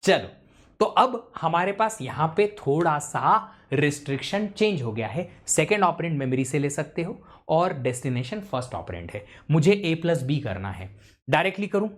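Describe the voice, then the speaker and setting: एक पुरुष शिक्षक लाइव ऑनलाइन कक्षा में पढ़ा रहा है, छात्रों से बार-बार सवाल पूछता है और हिंदी में अंग्रेज़ी मिलाकर बोलता है।. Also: male voice, fairly high pitch, very animated, normal speed. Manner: quizzes students, mixes English into Hindi. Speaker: teacher. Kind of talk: live online lecture.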